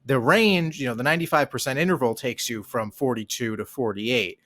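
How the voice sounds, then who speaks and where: A man's voice: medium pitch, a little fast, fairly bright tone. A man hosting a political podcast, talking conversationally, thinking aloud and repeating words as he asks questions. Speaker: podcast host.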